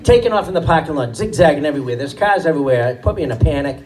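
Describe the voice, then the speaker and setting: A man doing stand-up, telling animated stories about his kids and acting out their voices. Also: fairly high pitch, racing. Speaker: stand-up comedian and father. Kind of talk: stand-up storytelling. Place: comedy stage before a live crowd. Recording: distant stage mic, audience laughing.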